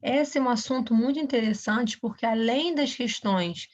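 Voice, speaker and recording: A woman's voice: a little high, moderate pace, darkish tone. A woman teacher giving a recorded grammar lesson, explaining step by step and often checking in with short questions. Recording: dull lo-fi recording.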